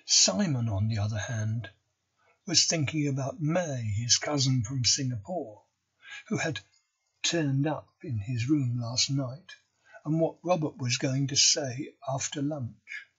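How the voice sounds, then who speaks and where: A man reading a novel chapter aloud for English learners, slow and deliberate. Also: mid-range voice, a bit bright, breathy edge, dull audio. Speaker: audiobook reader.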